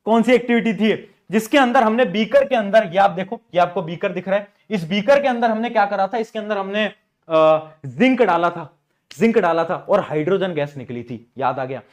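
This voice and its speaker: A high-pitched male teacher running a live online class. He talks in a chatty, repetitive way, mixing English words into his sentences. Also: expressive, normal speed. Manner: chatty, repeats phrases, mixes English into Hindi.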